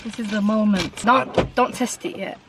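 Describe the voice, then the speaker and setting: A woman's voice: mid-range voice, moderate pace, heavy background noise. Giggly young woman vlogging. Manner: giggly, playful. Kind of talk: casual car vlog chat. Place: parked car.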